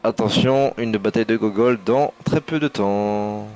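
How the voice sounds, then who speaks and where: A man's voice: lowish voice, unhurried, darkish tone. A man co-commentating motor racing live, casual, opinionated and mocking.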